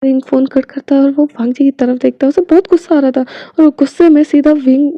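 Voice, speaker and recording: High-voiced woman narrating a story. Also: steady tone, fairly quick, no echo. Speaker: storyteller reading fan fiction. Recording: dull, dry lo-fi recording.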